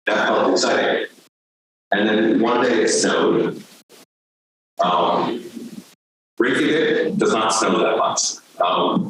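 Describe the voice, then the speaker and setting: A low-voiced man from Vermont speaks to an audience about his paintings, casual and loose, full of "like" and "um." He is heard from some distance in a strongly echoing hall, with a faint hiss of noise. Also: a bit bright. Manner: loose and conversational, many "like" and "um" fillers. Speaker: painter giving a lecture. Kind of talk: casual lecture. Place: lecture hall. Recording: very echoey hall, heard from far off.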